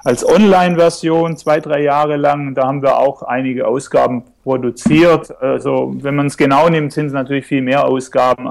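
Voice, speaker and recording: Gravelly man on a clipping, distorted mic. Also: mid-range voice. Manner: hesitant, many fillers and restarts. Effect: slightly clipping, overdriven mic distortion. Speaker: magazine editor, interview guest. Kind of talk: casual interview over a laptop. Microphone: laptop mic, too close.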